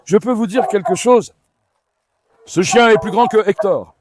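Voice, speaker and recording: A man talking casually in a vlog while coaxing and calming his dogs on a farm. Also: high voice, unhurried, background noise. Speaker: farm dog owner and vlogger.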